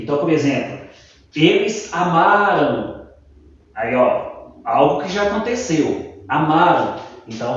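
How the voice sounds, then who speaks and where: A fairly high-voiced man with a Brazilian Portuguese accent teaches grammar patiently and keeps checking that his listeners follow. He sounds some way from the mic, in a very echoey room. The recording is dull and muffled. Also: darkish tone, far from the mic. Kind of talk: explanatory video lesson.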